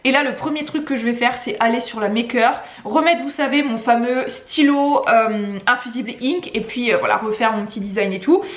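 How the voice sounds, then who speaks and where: A woman's voice: on the high side, brisk, hardly any pauses. A woman with a French accent talking casually to her viewers in a studio vlog recorded indoors at home, in an echoey room. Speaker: vlogger.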